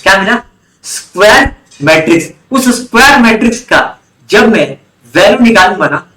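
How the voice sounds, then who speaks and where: A man's voice: high voice, fairly bright tone, roomy sound, low-quality recording. A man teaching an online commerce class, often quizzing students and repeating key terms. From India. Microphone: online class recording.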